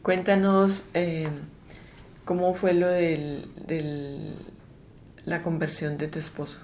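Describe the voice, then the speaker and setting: A woman's voice: deep voice, little pitch movement, slow, a little mellow, slight background noise. A woman interviewing a guest, asking follow-up questions and giving short prompts.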